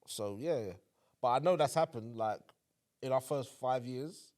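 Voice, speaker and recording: A man in his thirties from England, co-hosting a podcast in relaxed, teasing casual chat. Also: mid-range voice, moderate pace. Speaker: podcast co-host.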